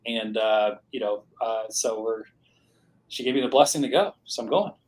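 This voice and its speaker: A young man, co-hosting a casual chat in a relaxed way, full of fillers and "like". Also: fairly low pitch, moderate pace, rough recording. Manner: relaxed, filler-heavy, says "like" a lot. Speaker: podcast co-host.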